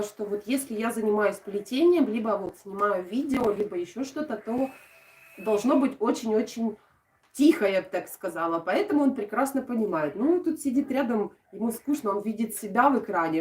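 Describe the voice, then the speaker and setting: A young adult woman with an Odesa accent chatting casually and affectionately to live-stream viewers, in a halting way with thoughts that trail off. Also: fairly high pitch, a little mellow. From Odesa region, Ukraine. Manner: affectionate, uses endearments and diminutive names. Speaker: craft video blogger and live streamer. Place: indoors at home. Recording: echoey room, distant microphone.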